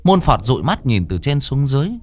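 A man narrating a ghost story in a dramatic, expressive way. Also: medium pitch, fairly quick, dry recording.

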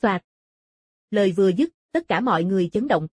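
A woman reading a scripted fantasy martial-arts story as an audiobook narrator, with a husky, soft-edged voice. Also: medium pitch, lively intonation, brisk, dry recording, studio quality.

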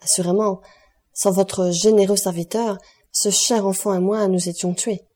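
A woman's voice: mid-range voice, steady tone, moderate pace, dark tone, lightly acted. A woman reading an audiobook and voicing an anxious, effusive aristocratic mother.

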